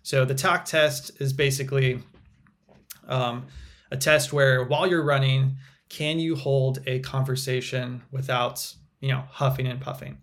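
A young man speaking as a guest on a casual podcast, explaining training methods at an easy pace. He speaks with a mid-range voice and plenty of "um"s, clear and unhurried. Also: medium pitch. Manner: explanatory, relaxed, with frequent fillers. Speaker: physical therapist guest.

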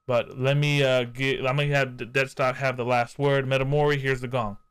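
A man's voice: mid-range voice, little pitch movement, brisk, fairly bright tone, smooth. Hyped slangy male stream host. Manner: hyped slangy banter, swears freely. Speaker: podcast host. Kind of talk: casual live-stream chat.

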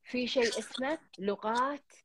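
A woman's voice: a little high, normal speed, slight background noise. A woman host with a Gulf Arabic accent counseling a caller in earnest, repetitive talk, slipping English fillers in. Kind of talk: counseling call-in chat. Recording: dull lo-fi dry sound.

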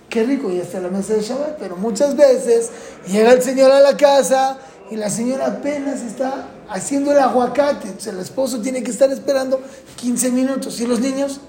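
An older man giving a lively, teasing religious talk to parents and acting out little scenes. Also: very high-pitched. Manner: animated, teasing, acts out scenes. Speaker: religious teacher. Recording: echoey room.

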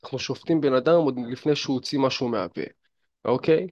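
A man's voice: medium pitch, a little mellow, no echo, highs cut off. A man giving casual dating and fitness advice straight to the listener, chatty and full of fillers. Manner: chatty, addresses listener directly, many fillers. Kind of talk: casual advice monologue to camera.

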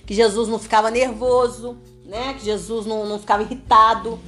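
A woman's voice: fairly high pitch, steady tone, brisk, fairly bright tone, echoey room, faint music behind. A woman leading a prayer and Bible study, earnest and repeating her phrases, often checking in with her listeners.

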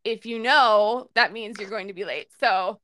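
A woman co-hosting a podcast, telling an animated story in casual chat and acting out the people she quotes. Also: mid-range voice, a little slow. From Minnesota. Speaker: podcast co-host.

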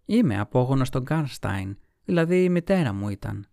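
A man's voice: mid-range voice, big pitch swings, vocal fry, warm tone, no echo. Guy reading as an earnest caring young woman, concerned tone, dry close sound, storybook.

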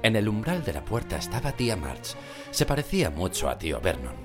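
Deep-voiced male audiobook narrator. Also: brisk. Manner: expressive storytelling reading. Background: background music.

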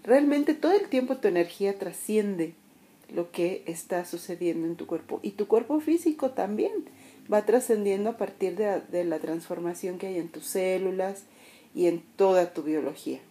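Warm-voiced woman giving a motivational talk. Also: mid-range voice, expressive, moderate pace. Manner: earnest and coaching, speaks directly to the listener; acts out everyday voices in her examples. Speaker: motivational speaker.

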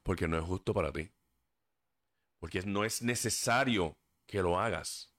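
His voice sits low and fairly bright, and he talks a little slowly: a man hosting a casual podcast alone at a desk microphone. The manner is earnest and preachy, with occasional stumbling over words and drifts into English fillers.

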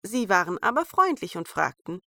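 A woman reading a fairy tale aloud in an even, measured storytelling manner. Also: medium pitch, creaky, no room sound, clean studio sound.

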